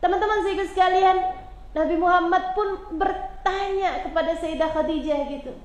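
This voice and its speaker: A woman preacher telling a religious story with emotion, dropping soft and low when she quotes the figures in it. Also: fairly even intonation, moderate pace. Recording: echoey room with faint ambience.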